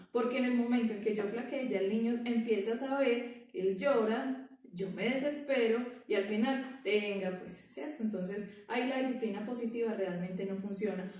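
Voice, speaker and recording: A woman talks to parents in a conversational teaching style, tossing in rhetorical questions. Her voice is fairly high and mellow. It sounds distant, in a heavily echoing room. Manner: conversational, asks rhetorical questions with frequent "¿cierto?". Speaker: early childhood educator. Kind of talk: parent training talk. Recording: very echoey room from far off.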